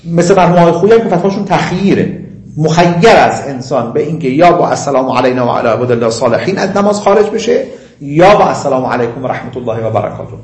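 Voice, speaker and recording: A man lecturing on religious law, reciting Arabic passages slowly and explaining them in quick, conversational asides. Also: fairly high pitch, reverberant. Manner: slow chanting of quoted Arabic, quick asides. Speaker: seminary lecturer.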